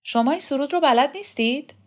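A woman's voice: sits high, animated, a little mellow, pitched above the performer's own voice. A woman voicing a defiant young woman who questions officials indignantly.

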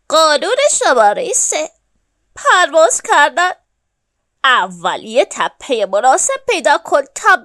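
A woman voicing a cheerful, bossy duck in a children's storybook, talking loudly in a sing-song, instructing way. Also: sits high, no room sound, studio quality, pitched above the performer's own voice.

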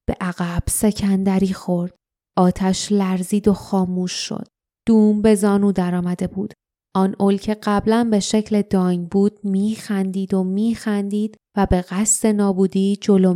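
A woman reads a fantasy audiobook in a steady, dramatic way. Her voice is mellow and dark, and it sits at a middle pitch. The recording is dry and close. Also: no echo. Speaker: audiobook narrator. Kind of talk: scripted audiobook narration.

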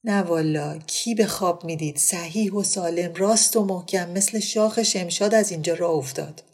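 A woman's voice: on the low side, darkish tone, slightly rough. A woman reading the part of a jovial, teasing aristocratic lady who jokes and exclaims freely in a storybook reading. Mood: soothing. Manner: playful, joking, exclaiming.

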